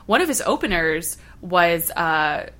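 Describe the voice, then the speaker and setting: A woman guest on a chat podcast, telling a story in an animated way with many fillers and frequent laughs. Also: fairly low pitch, measured pace. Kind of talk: casual chat.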